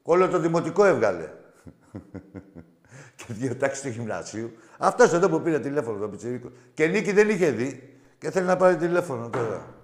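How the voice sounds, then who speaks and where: A man's voice: mid-range voice, animated, pauses often, roomy sound. A man hosting a call-in show, taking callers one after another and mocking them with crude, brash banter and frequent laughter. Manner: loud teasing with frequent laughs. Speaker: radio call-in show host.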